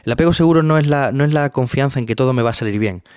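A man's voice: medium pitch, rapid-fire, a little mellow, clear, resonant tone, dry recording. A man, a psychologist guest, explaining a topic patiently in a webinar and often checking in with his listener.

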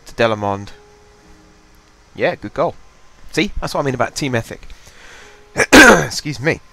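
Close to his home desk mic, a young gaming channel host gives casual commentary on his own game, chatty and rambling, thinking aloud with plenty of fillers. A cold leaves him sounding a bit stuffy and congested. His mid-range voice is expressive, unhurried, and fairly bright, with a loose delivery.

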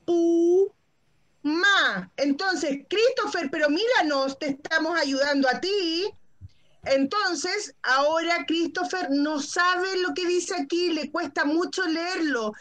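A woman teaching kindergarten phonics over a video call, her voice high and bright. She takes her time, stretching each syllable and cheering the children on patiently. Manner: patient, slow sound-by-sound modeling with encouragement. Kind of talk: online phonics lesson for young children.

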